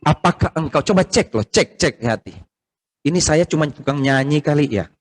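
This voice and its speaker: A middle-aged man, preaching a conversational sermon and asking the congregation questions, loud emphatic bursts giving way to quiet asides. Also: animated, moderate pace. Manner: swings between loud rising emphasis and quiet low asides. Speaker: pastor. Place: church service hall, streamed online.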